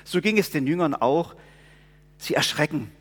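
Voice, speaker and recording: A man's voice: on the high side, lively intonation, normal speed, fairly bright tone. A preacher, explaining scripture in an earnest, conversational sermon. His voice carries a long reverb through a church.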